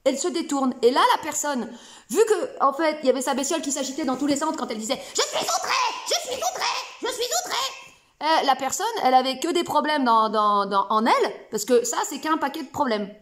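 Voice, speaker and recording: A woman talks straight to camera from her home, loose and playful, wandering through her points with lots of fillers. Her voice sits notably high. The tone is informal and chatty. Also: quick pace, fairly bright tone. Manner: rambling, playful, many fillers. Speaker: self-help video host. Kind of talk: casual spoken explanation to camera. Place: home room.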